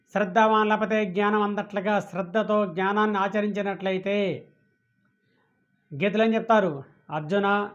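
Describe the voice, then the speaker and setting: A man giving a spiritual discourse, asking questions and answering them himself. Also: high-pitched. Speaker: spiritual teacher. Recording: dull lo-fi audio.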